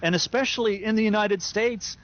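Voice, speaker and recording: This podcast co-host has a high, fairly bright voice and talks fairly quickly. He gives firm opinions while chatting casually and reading listener email, full of fillers and restarts. The sound is dull and lo-fi.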